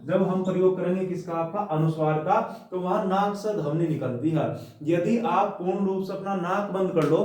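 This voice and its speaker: A man's voice: high voice, normal speed, a little mellow. A man teaching Hindi grammar to students, explaining step by step, posing questions and answering them himself, and repeating key points. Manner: addresses listeners as children. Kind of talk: classroom-style lesson at a board. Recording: echoey room, voice from a distance.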